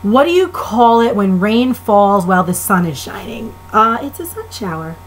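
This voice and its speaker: A woman's voice: medium pitch, big pitch swings, moderate pace, a little hiss or hum, low-quality recording. A woman in her twenties with a Long Island New York accent, chatting casually and opinionated in a vlog, with frequent ums. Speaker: vlogger. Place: living in the Midwest.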